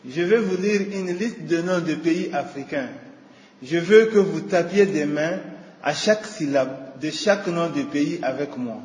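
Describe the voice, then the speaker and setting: A man teaching a scripted radio lesson, speaking in a slow, deliberate teaching manner. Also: fairly high pitch, darkish tone. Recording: echoey hall with long reverb.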